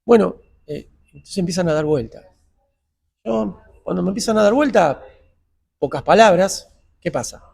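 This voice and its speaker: A man's voice: high voice, normal speed, vocal fry, long pauses, darkish tone, husky. An Argentine man, a father, retelling a tense hospital story in a personal interview and acting out the dialogue. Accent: Argentine Spanish. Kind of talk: emotional personal account.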